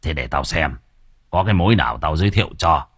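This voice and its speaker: A man voicing a rough-talking, fatherly old man who speaks coarsely and briskly. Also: very deep voice, expressive, a bit bright, no echo, clean studio sound, pitched below the performer's own voice, exaggerated voice. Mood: brusque.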